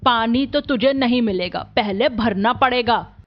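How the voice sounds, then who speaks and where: In a Hindi animated family story, a woman with a slightly high voice plays a cruel middle-aged aunt, bossy and harsh as she scolds and threatens at a measured pace. The audio is dull, with faint music behind.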